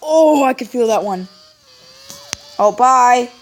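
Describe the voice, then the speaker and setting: A woman's voice: a little high, lively intonation, slow, slight background noise. A woman YouTuber giving playful, chatty let's-play commentary and talking back to the game.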